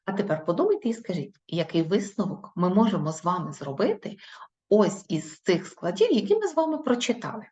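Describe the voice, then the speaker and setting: Woman, teacher, recorded lesson for small children, encouraging, slow careful dictation, animated intonation. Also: medium pitch. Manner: slow, clearly spoken dictation of syllables; encouraging, praising pupils.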